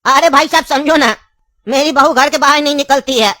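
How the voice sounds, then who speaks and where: A woman's voice: high voice, normal speed, pushed and bright, no echo, clean studio sound. A woman playing a pleading old grandfather. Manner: pleading and insistent. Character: grieving elderly grandfather, insistent, man. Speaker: actor in comedy sketch. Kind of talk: scripted comedy acting.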